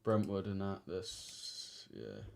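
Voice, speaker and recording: Jeune homme à l'accent de l'Essex, bavard, voix un peu grave. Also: male voice, deep voice, sing-song, slow pace, vocal fry, a little mellow. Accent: Essex English. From Essex, England. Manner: slangy, chatty, addresses chat directly. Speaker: trading livestreamer. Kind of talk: casual livestream chat.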